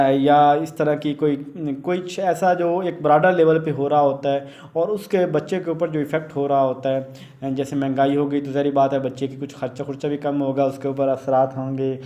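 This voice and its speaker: A man's voice: medium pitch, flat delivery, moderate pace, mellow, lo-fi sound. A man teaching a theory lesson, mixing in English terms and often checking "theek hai na" with the listener. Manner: mixes English terms and read English lines into speech. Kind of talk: lecture explaining theory.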